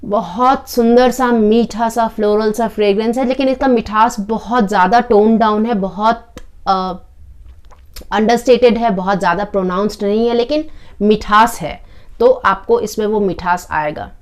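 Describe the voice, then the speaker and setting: Woman, product reviewer, casual demo, calm, unhurried, some fillers, mid-pitched.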